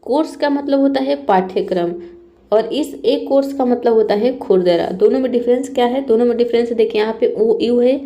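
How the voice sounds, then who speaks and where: Woman teacher with a warm, mellow voice, walking learners patiently through word pairs and spelling each one. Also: on the high side, a little fast, dull audio. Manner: spells words out letter by letter; checks in with frequent "okay". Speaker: English teacher. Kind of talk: explaining vocabulary lesson.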